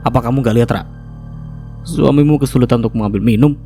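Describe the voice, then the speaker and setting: A man plays a bitter husband stuck in a hospital bed, who nags and feels sorry for himself. The voice is mellow and close to a natural man's register. Faint music plays behind him. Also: mid-range voice, fast, lightly acted. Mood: scolding. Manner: complaining, scolding. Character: bitter bedridden husband, whiny and scolding.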